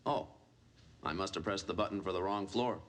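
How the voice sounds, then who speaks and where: A man's voice: deep voice, moderate pace, close to an everyday voice. A man playing a chatty older caretaker. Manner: chatty, folksy. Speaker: building caretaker. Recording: noisy film soundtrack.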